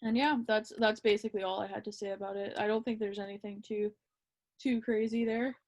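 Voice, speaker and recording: A woman co-hosting a casual hockey chat, relaxed and hesitant with lots of ums. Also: mid-range voice, a little fast. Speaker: podcast co-host.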